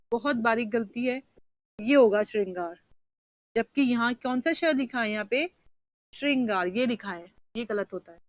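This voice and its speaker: A woman's voice: fairly high pitch, no room sound, rough recording. A woman teacher going through exam answers, explaining spelling patiently and often checking in with her students. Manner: sounds words out slowly to show the spelling. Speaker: Hindi teacher. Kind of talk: exam paper discussion.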